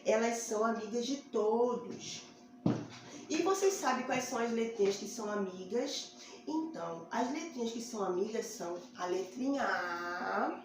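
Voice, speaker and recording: A woman teacher with a Brazilian accent telling a phonics story to small children, drawing out her vowels in a sing-song way. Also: medium pitch. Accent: Brazilian Portuguese. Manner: slow, sing-song, stretches vowels while pointing to letters. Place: classroom with a board. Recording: very echoey classroom, faint room noise.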